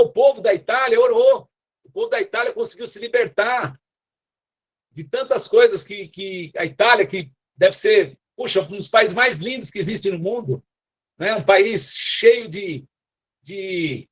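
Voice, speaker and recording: Earnest São Paulo preacher on a video call. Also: male voice, sits high, a bit bright. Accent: São Paulo Portuguese. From São Paulo, Brazil. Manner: earnest, exhorting, frequent tag questions. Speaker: apostle, guest preacher. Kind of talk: online church preaching.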